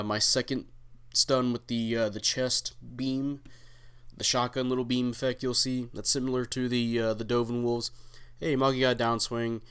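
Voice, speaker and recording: A young man with a smooth, clean voice and a middle pitch talks through his own gameplay. He rambles in a relaxed way, with plenty of fillers and casual swearing, like a channel host chatting to regular viewers.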